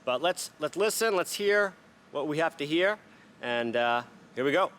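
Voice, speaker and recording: During a sound check with loud music playing behind him, a man casually reviews DJ sound gear. His voice is a little high and animated, his pace moderate, and he stays chatty and upbeat with lots of fillers.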